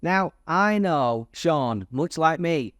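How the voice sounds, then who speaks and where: A man's voice: a little high, animated, takes it slowly, fairly bright tone, a little hiss or hum. Man, mock-exasperated vlogger. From Yorkshire, England. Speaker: movie review vlogger. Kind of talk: tongue-in-cheek explainer.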